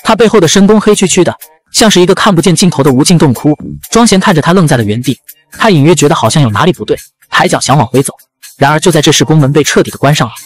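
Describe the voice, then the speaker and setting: A man narrating a dramatic fantasy audiobook in a brisk storytelling manner. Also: fairly high pitch, animated, faint music behind.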